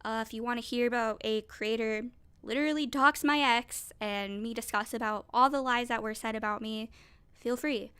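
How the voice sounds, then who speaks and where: A woman with a stuffed-up, nasal voice from a cold, pitched a little high and coming through clean and smooth. She rambles through unscripted commentary, recorded dry and close with no room sound. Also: fairly even intonation, normal speed, a bit bright, dry recording. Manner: rambling, conversational. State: sick with a cold. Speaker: online content creator.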